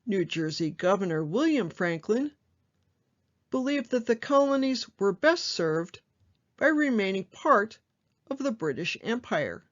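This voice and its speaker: A woman librarian hosting a book show, reading reviews aloud in a measured way with small asides. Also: medium pitch. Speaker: librarian host. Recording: dull lo-fi sound.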